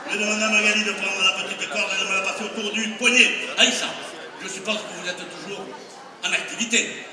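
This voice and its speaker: Casting: male stage magician, high voice, teasing comic patter, emphatic instructions to volunteers, very echoey distant gymnasium recording. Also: level tone, quick pace. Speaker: stage magician doing a comedy rope act. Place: large indoor gymnasium show before an audience. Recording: very echoey gymnasium, distant mic, noisy crowd.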